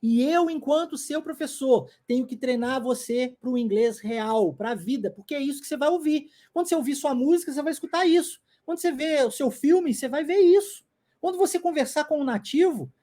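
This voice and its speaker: A man's voice: very high-pitched, dark tone. A man in his forties with a Brazilian Portuguese accent, an English teacher giving an insistent, emphatic video lesson and drilling English phrases by repeating them. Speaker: English teacher and language school founder.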